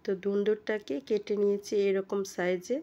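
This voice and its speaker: A woman, hoarse from a cold, giving chatty step-by-step directions as she narrates a home recipe. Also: mid-range voice, steady tone, normal speed, warm tone, dull audio. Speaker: cooking channel host. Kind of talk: recipe voice-over.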